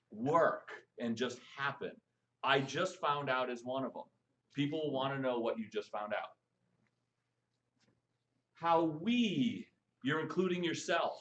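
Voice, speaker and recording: Guy coaching a live crowd on sales texts, pitch jumps all over, jokey, keeps quizzing the room. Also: lo-fi sound, a little hiss or hum. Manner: animated, jokey, asks the audience questions. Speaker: network marketing coach. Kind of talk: live stream training talk to an audience.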